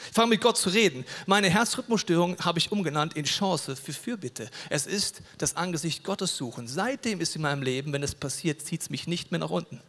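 A man's voice: high voice, a bit bright, long reverb tail. A man preaching an earnest, personal sermon to his congregation as pastor.

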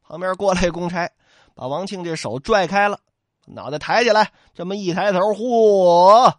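A man's voice: sits high, lively intonation, moderate pace, dry recording. A man telling a classic tale as comic storytelling, with chatty asides to his listeners.

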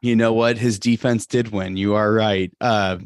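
A man's voice: on the low side, steady tone, unhurried, no room sound, clean studio sound. A man co-hosting a casual sports podcast, jokey and teasing, laughing between points. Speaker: podcast co-host.

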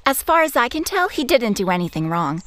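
A woman voicing a calm, cheerful female substitute ranger with a breezy, reassuring manner. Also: fairly high pitch, fairly quick, no echo. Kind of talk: cartoon voice acting.

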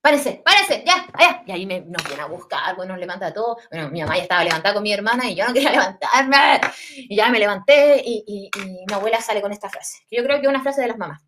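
A young woman with a Chilean Spanish accent, telling a story in a casual, animated way, with lots of slang and swearing. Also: medium pitch, quick pace, a little hiss or hum.

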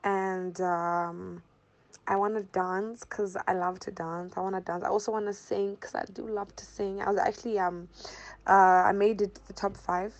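A woman in her early twenties with a Zimbabwean accent answers interview questions casually, often repeating phrases for emphasis. Her voice sits at a medium pitch, and she speaks flatly at a moderate pace.

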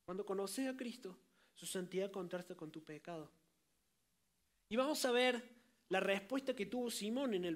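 A man with a notably high voice preaching a sermon. He talks straight to his listeners with colloquial asides and throws himself into acting out the scripture quotes.

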